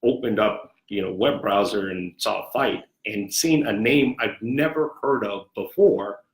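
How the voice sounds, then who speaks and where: Speaking as a sports executive in an interview, a man with a lowish voice answers in a measured, conversational way, frequently going back over his phrases. The room is echoey and spacious.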